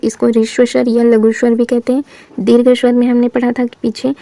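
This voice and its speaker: A woman teaching Hindi grammar in a classroom style, asking questions and answering them herself and sounding out vowels slowly for the listener. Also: on the high side, warm tone, no room sound. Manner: asks the class questions then answers them, says "thik hai" often.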